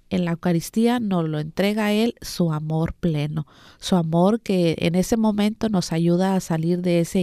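A woman speaks devotionally to listeners in a gentle, pastoral manner, often closing thoughts with a soft tag question. Her voice is low and mellow. The recording is dry and close. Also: no room sound.

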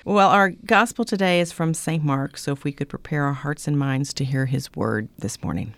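A woman's voice: deep voice, normal speed, dry recording. A woman hosting a religious talk program in a conversational way. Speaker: program host.

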